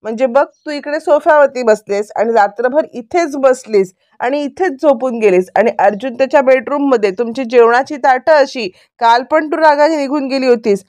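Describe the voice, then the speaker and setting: A woman's voice: high voice, normal speed, hardly any pauses, a little mellow, lightly acted. A woman voicing a needling, accusing sister-in-law. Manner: blaming, needling.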